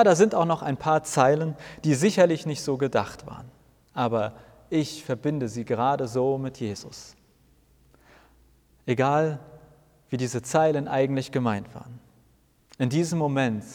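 A man's voice: mid-range voice, unhurried, a little mellow. A man narrating a first-person story for a weekly sermon podcast in a wry, self-mocking tone. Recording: long reverb.

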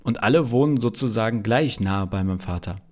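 A man voicing Jesus as an earnest young man explaining things gently. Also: fairly low pitch, animated, fairly quick, natural voice. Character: cheerful male Jesus, young adult, earnest.

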